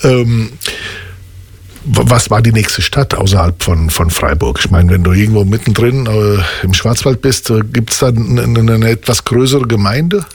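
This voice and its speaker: A man hosting a casual radio interview, talkative and quick to laugh. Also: lowish voice, breathy edge, dry recording. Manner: lively, talkative, laughs often. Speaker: radio host.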